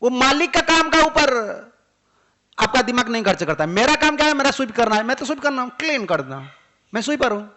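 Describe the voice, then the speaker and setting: A man's voice: extremely high pitch, big pitch swings, fast, pushed and bright. A swami giving an emphatic devotional sermon, firing off rhetorical questions and mixing English words into his talk.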